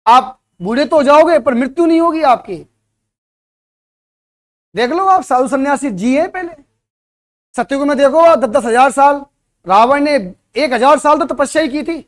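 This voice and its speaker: Guy teacher with a pretty high voice, motivational pep talk to students, keeps asking the class questions. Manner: lecturing with frequent rhetorical questions to the class. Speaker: coaching teacher.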